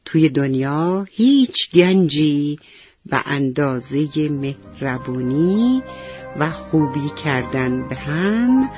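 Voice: medium pitch, expressive, muffled recording, soft background music. Tender bedtime storyteller for children. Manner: tender, addressing children affectionately.

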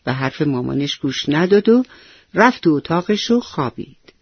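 A woman's voice: deep voice, animated, breathy edge, no echo, lo-fi sound. A woman narrating a children's story expressively and speaking directly to young listeners.

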